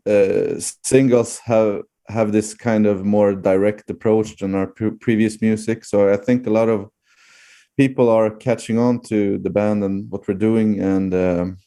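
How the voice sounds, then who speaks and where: A Swedish man with a warm, somewhat low voice and a Swedish accent chats casually as an interview guest. He sounds hesitant, often searching for words.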